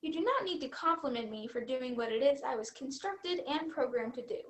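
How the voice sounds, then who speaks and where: A woman's voice: high voice, expressive, brisk. A woman playing an earnest, dutiful robot vacuum in a scripted stage comedy, with formal robotic phrasing. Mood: polite, servile. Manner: formal robotic phrasing, spells words out letter by letter. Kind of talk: scripted youth theater comedy acting.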